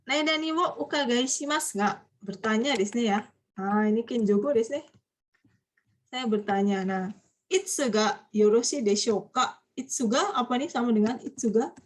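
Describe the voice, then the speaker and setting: Chatty, high-voiced woman teaching vocabulary. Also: normal speed. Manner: chatty, quizzing students, frequent light laughs. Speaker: Japanese language teacher. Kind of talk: online vocabulary lesson.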